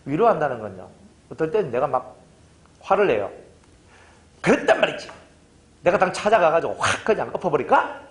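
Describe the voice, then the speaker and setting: A pastor giving a casual sermon, telling stories and acting out both sides of conversations. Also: male voice, a little high, fast talker. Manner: lively storytelling preacher, acts out dialogue.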